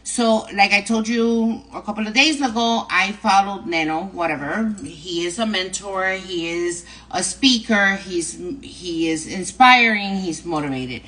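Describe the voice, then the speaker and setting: A middle-aged woman with a New York accent, from New York, hosts a casual advice livestream, chatty and repetitive, tagging her sentences with "right?" and "okay?". Her mid-range voice is pushed and bright, a little slow with few pauses, on a rough recording.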